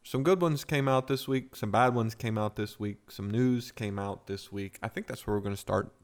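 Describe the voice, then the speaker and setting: A man's voice: fairly low pitch, normal speed. A man co-hosting a video game podcast, chatting casually with dry, sarcastic jokes. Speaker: podcast co-host.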